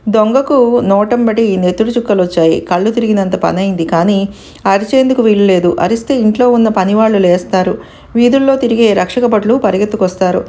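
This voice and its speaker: Female storyteller, devotional podcast, even expressive read. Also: medium pitch, brisk.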